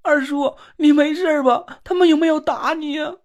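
A man's voice: fairly even intonation, normal speed. A man voicing a hysterical eighteen-year-old girl sorceress, crying and screaming in a storybook reading. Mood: tearful. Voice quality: shrill, screaming. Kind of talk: audiobook character voice.

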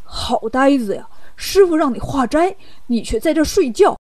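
A woman's voice: high-pitched, lively intonation, moderate pace, darkish tone, no room sound. A woman voicing an earnest, sensible male monk who scolds and worries in a children's storybook. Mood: scolding.

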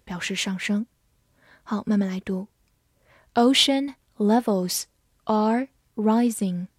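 Slow, husky woman teaching vocabulary. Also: mid-range voice, a little mellow, no room sound, studio quality. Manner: spells words letter by letter and reads example sentences slowly. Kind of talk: scripted vocabulary lesson.

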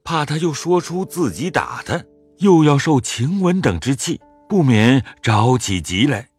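A narrator telling a classic novel in measured scripted narration, with a husky voice. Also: mid-range voice, no echo, soft background music. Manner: measured storytelling with lively rise and fall.

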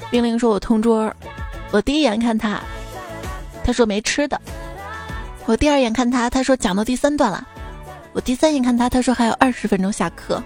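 A young woman with a somewhat high voice hosts a radio comedy show. She reads listeners' funny stories aloud in a lively, giggly way and adds playful remarks. Soft music plays quietly behind her. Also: a little fast, pauses often. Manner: lively, giggly storytelling with frequent laughter. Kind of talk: reading listener jokes with playful commentary.

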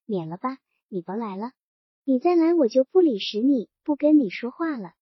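A woman reading the lines of a gentle, wry old male scholar in a mild, teasing tone. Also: high-pitched, animated, moderate pace, slightly rough, no echo. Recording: dull, dry audiobook recording.

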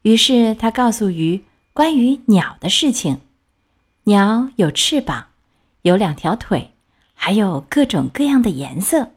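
Slow, expressive woman reading a children's story. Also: mid-range voice, husky. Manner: gentle and expressive.

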